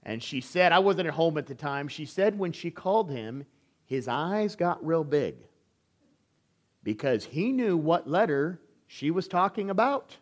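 A man's voice: on the high side, animated, unhurried. A man preaching a sermon in a church as an elder, telling stories and acting out family conversations. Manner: storytelling, acts out family dialogue.

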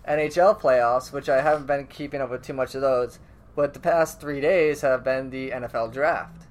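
A man's voice: mid-range voice, fairly even intonation, moderate pace. A man co-hosting a podcast in casual chat, rambling and restarting his sentences, often laughing. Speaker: podcast co-host.

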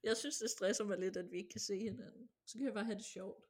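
A woman's voice: medium pitch, breathy edge. A young woman co-hosting a podcast, chatting in an informal, giggly way. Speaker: podcast co-host. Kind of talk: casual chat.

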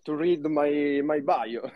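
A man with an Italian accent, a guest in a casual live audio chat, who laughs often and speaks in a halting way. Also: fairly high pitch, warm tone, muffled recording. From Italy.

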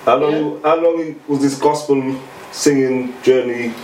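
A young man hosting a podcast, asking questions in a relaxed, slangy way. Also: medium pitch, measured pace. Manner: slangy, laid-back questioning. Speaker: podcast host. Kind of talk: casual podcast chat. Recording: roomy, distant mic, faint background noise.

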